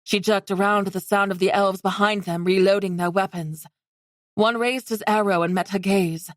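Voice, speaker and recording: A woman narrates a fantasy audiobook in a steady, even storytelling voice at a middle pitch. The sound is close and dry, with no room around it. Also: moderate pace, no echo. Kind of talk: scripted narration.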